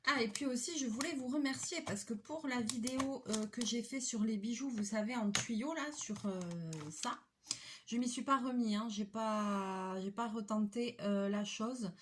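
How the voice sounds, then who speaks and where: A woman's voice: on the high side, moderate pace. Middle-aged woman rambling on about crafts at home, lots of euhs, slight background hiss. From Basque Country, France. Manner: chatty, rambling, self-mocking, many fillers. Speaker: craft vlogger. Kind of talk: casual chat while unboxing a craft kit.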